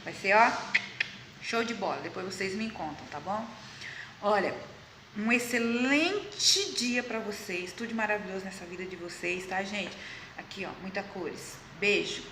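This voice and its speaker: Bright-voiced Brazilian woman teacher. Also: medium pitch, a little slow, a little hiss or hum. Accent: Brazilian Portuguese. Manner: warm, encouraging, asks and answers own questions. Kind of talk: online class for children.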